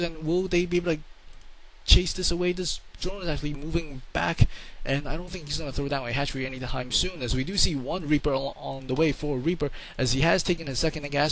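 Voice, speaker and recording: A man's voice: fairly high pitch, a bit bright, a little hiss or hum, rough recording. Chatty man casting a strategy game. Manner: rambling, repeats words for emphasis. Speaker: game commentator. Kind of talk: casual esports play-by-play commentary. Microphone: home microphone.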